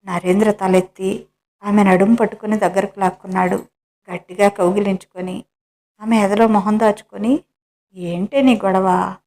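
A woman narrating a romance story in a calm, measured reading. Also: medium pitch.

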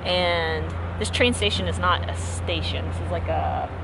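A woman in her thirties talks loosely to a handheld camera, drifting through fillers and restarts as she plans her day. City traffic hums clearly behind her voice. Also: lowish voice, unhurried. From Texas. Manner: relaxed, rambling, with fillers and restarts. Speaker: vlogger. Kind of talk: casual travel vlog chat. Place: outdoors in city streets and train station, later a hotel room. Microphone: handheld camera at arm's length. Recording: street and traffic noise behind.

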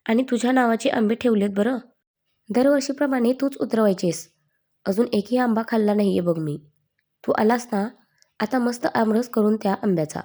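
Casting: woman playing a feisty, doting grandmother in a read-aloud story, mellow voice, scolding manner. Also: fairly high pitch, moderate pace. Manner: teasing, scolding. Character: sharp-tongued doting old grandmother.

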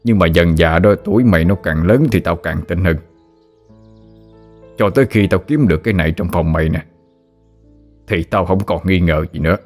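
A man's voice: sits low, moderate pace, long pauses, darkish tone, faint music behind. A man voicing a teasing, grumbling father near sixty.

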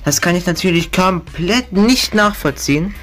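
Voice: medium pitch, expressive, normal speed, fairly bright tone. A gamer, griping sarcastically and swearing while chatting with a friend during a match. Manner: sarcastic, foul-mouthed griping. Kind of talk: gaming commentary, casual chat with a friend.

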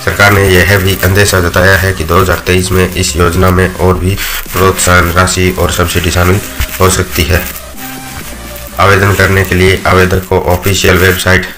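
A man narrating a scripted voice-over explainer, reading steadily with small slips. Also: low voice. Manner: steady read-aloud delivery with small slips. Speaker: channel narrator. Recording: voice-over with loud background music.

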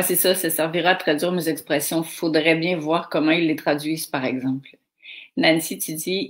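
A middle-aged woman with a Québécois French accent, hosting a live stream and chatting casually as she greets viewers by name from the comments. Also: deep voice. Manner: slow, warm greetings read from comments.

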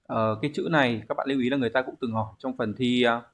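A man's voice: medium pitch, fairly even intonation, very fast. A man, teaching a language exam review lesson, explaining step by step and answering his own questions.

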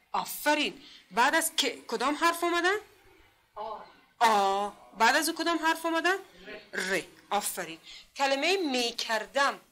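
A woman teaching literacy in a classroom, speaking with an Afghan Dari accent, patiently repeating herself and sounding out letters slowly. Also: high-pitched, pushed and bright. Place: classroom with a board.

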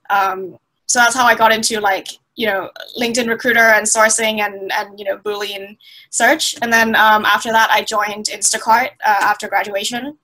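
A Thai woman in her twenties, a guest on a video call, gives long, thoughtful conversational interview answers full of fillers and restarts. Her mid-range voice is bright and forceful. She's in a small indoor room, picked up roughly by a laptop webcam.

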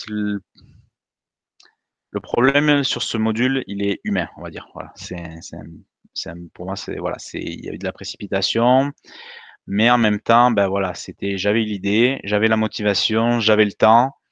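A man's voice: on the low side, no room sound, highs cut off. A man in his thirties giving a meetup talk over slides on a webcam, hesitant with many fillers and restarts. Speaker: meetup presenter. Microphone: webcam on a video call.

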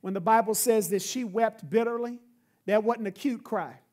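A pastor delivers a sermon with emphatic, repeated refrains that drive each point home. The voice sits in a middle pitch. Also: normal speed, darkish tone. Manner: emphatic, repetitive preaching with refrains.

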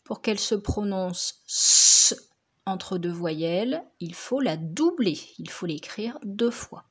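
A woman teacher reading syllables aloud slowly and clearly for young pupils, repeating each one for dictation. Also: medium pitch, animated, a little mellow. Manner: slow, carefully articulated, repeating each syllable. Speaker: primary school teacher.

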